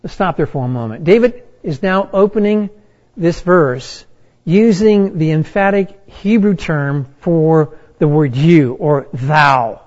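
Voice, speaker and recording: Slow, deliberate higher-voiced preacher. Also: male voice, darkish tone, muffled recording. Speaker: pastor. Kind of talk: sermon.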